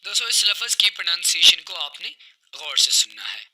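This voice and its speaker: A man teaching English vocabulary, saying each word slowly and carefully and talking to viewers as friends. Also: high voice, big pitch swings, pushed and bright. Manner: slow and deliberate, addresses viewers as friends. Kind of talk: vocabulary lesson, repeating words slowly.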